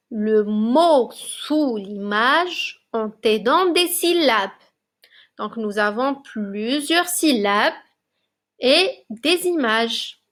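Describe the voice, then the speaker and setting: A woman teaching young children a spelling lesson, reading words slowly and clearly and encouraging the class. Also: fairly high pitch, a bit bright. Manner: slow, clearly articulated, encouraging. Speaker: primary school teacher. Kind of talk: slow, deliberate classroom dictation. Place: classroom recording for remote lesson.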